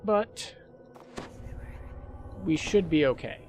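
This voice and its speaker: A man's voice: a little high, expressive, extremely slow, a little mellow, slight background noise. A man giving casual commentary while he plays a video game. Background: game music.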